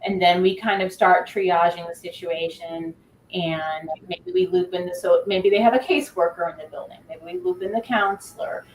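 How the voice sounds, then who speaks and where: A woman's voice: fairly low pitch, normal speed. A woman school nurse on a podcast, speaking thoughtfully with hesitations and repeated words. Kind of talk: casual interview chat. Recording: echoey, distant mic with faint room noise.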